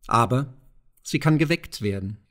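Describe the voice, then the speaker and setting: A man's voice: medium pitch, animated, measured pace. A man doing a mild old widow. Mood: gentle. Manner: soft, mild, secretive. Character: poor frail old widow, gentle and mild.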